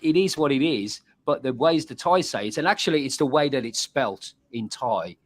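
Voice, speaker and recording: A man, a pub and bar owner, chatting as a guest and telling animated stories, often repeating words. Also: medium pitch, moderate pace, no echo. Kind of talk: casual chat.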